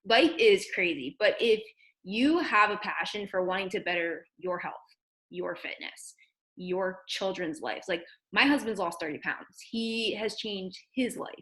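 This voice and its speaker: Woman team-leader host from New Jersey, mid-pitched, upbeat and encouraging, video-call mic. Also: measured pace, a bit bright, poor audio. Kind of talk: casual motivational talk.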